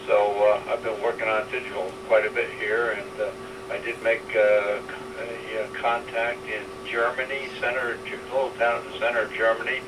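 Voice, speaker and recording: A man checking in to an amateur radio net, chatting casually and haltingly with many fillers, heard over a two-way radio with static. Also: mid-range voice, flat delivery. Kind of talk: casual on-air chat. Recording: distant radio audio with static hiss.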